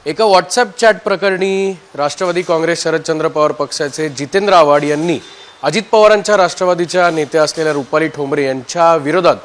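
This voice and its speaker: A man reporting a news item in a brisk, factual way. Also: a little high.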